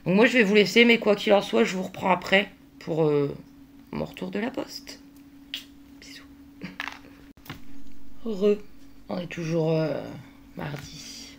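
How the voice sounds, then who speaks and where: A woman's voice: medium pitch, measured pace, vocal fry, pauses often, slight background noise. A woman talking casually in a daily vlog, exasperated and worn out, venting with lots of fillers. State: worn out, at the end of her tether. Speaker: vlogger.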